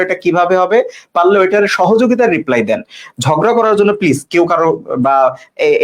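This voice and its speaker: A man teaching an English grammar class live online, repeating points and quizzing viewers with questions. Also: on the high side. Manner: casual, teasing asides to commenters.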